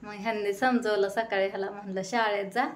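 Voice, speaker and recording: A woman's voice: mid-range voice, fairly even intonation, fairly quick, slight background noise. Chatty mother telling her morning. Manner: chatty storytelling, quoting herself and her children. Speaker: vlogger and mother. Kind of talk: casual home vlog narration. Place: home.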